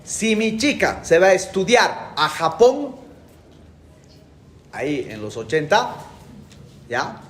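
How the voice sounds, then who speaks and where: A man's voice: sits high, big pitch swings, slow, long pauses, reverberant. A middle-aged man giving a classroom lecture in a colloquial, emphatic way, repeating his key phrases. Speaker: university lecturer.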